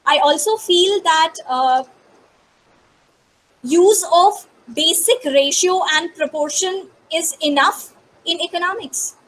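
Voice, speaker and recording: A woman's voice: extremely high pitch, slow, a bit bright, rough recording. A woman, a guest lecturer giving thoughtful answers in a webinar Q&A over a video call.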